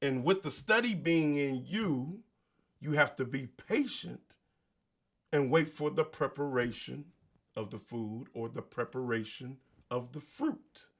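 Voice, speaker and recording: Guy hosting a motivational talk, bright forceful voice, preachy, slangy, asks lots of rhetorical questions. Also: mid-range voice, lively intonation, measured pace. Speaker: show host. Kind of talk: motivational monologue.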